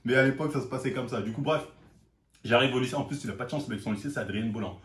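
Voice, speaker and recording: A young man from the telling a story casually, with slang and an animated, acting-out delivery. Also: medium pitch, rapid-fire. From France, Paris suburbs. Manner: animated, slangy, acts out quoted lines. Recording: roomy echo.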